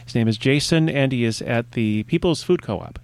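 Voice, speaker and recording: A male radio host chats in a playful, meandering way at a middling pitch. The sound is close and dry. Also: moderate pace, dry recording. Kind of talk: casual radio chat.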